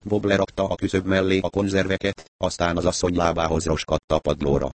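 A man narrating a story as an audiobook reader, in a measured, even manner. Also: deep voice. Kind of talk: audiobook reading.

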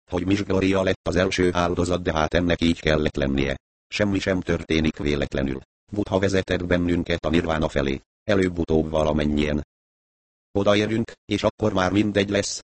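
A man voicing a remorseful, deranged male villain who speaks in a quiet, regretful, fatalistic way. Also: low-pitched, fairly even intonation, dry recording, natural voice. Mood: calm remorse.

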